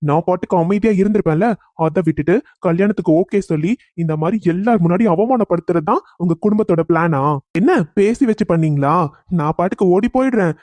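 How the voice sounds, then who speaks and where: A man's voice: sits high, darkish tone, no room sound, lightly acted. A man voicing an angry, humiliated young husband in a cartoon story, bitterly accusing his new bride.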